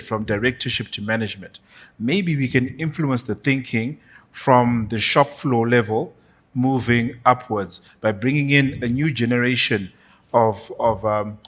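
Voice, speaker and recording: Mid-pitched panelist from Zimbabwe, hesitant questioner. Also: male voice, fairly bright tone. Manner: hesitant, restarting phrases.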